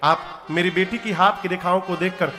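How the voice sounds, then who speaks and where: High-voiced preacher singing a sermon. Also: male voice, normal speed. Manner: animated storytelling, chanted verses, voices for characters. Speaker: kathavachak storyteller preacher. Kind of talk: devotional katha sermon with sung verses. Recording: large hall with long reverb. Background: devotional music playing.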